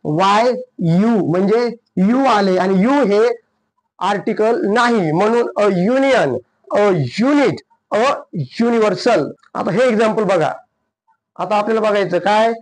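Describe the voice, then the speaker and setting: Man, Marathi accent, high voice, grammar teacher, asks and answers his own questions. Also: low-quality recording. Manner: explains by asking and answering his own questions, slows on English examples. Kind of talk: classroom-style lesson.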